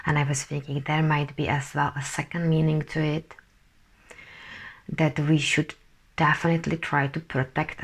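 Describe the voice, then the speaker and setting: Woman, low voice, gravelly edge, halting speech, slips into soft whispers, casual spiritual update. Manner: halting, searching for words, often drops to a soft whisper. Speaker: spiritual channeller.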